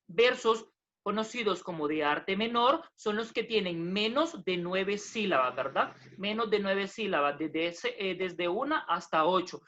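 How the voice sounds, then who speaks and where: A woman's voice: medium pitch, a bit bright. A woman teaching a recorded lesson in a patient, plodding way, going over points twice and stopping to check with short questions. Her voice sits in a middle range, and the recording sounds dull and lo-fi. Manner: patient, repeats herself, tag questions, self-corrections. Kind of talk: recorded lesson explaining poetry meter.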